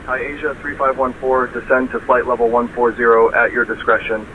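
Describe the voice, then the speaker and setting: A man working as an air traffic controller, giving clipped, procedural instructions over a helmet radio. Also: medium pitch. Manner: flat, brisk, procedural delivery. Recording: tinny radio with static.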